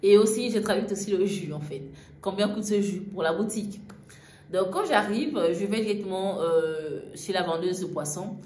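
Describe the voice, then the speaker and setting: A young woman from Gabon tells a travel story casually, her medium-pitched voice dark in tone and at a normal pace. She's chatty, scattering fillers, asides, and frequent "en fait" throughout. The room is echoey, with faint ambient noise.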